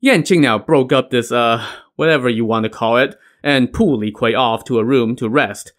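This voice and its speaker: A man's voice: medium pitch, normal speed. A man narrating a classic tale as a podcast host, in a wry tone with dry asides. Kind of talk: storytelling narration.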